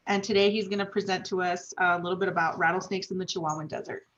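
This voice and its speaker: A woman host introduces a guest over an online call. She speaks in a measured, slightly hesitant way, and the audio sounds dull and lo-fi. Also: lowish voice, steady tone, a bit bright.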